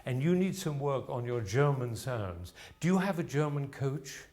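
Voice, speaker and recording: A music teacher coaches a singer live before an audience in a voice masterclass, encouraging and explaining as he works. He demonstrates sounds and phrases himself. His mid-range voice is animated and a little mellow, at a moderate pace.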